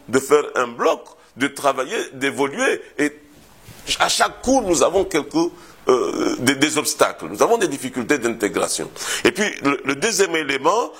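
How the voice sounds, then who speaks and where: Husky-voiced historian, halting and thoughtful. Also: male voice, mid-range voice, fairly bright tone. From Comoros. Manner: measured, thoughtful, hesitates often with repeated words. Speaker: historian interviewed about his thesis. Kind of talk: interview answers.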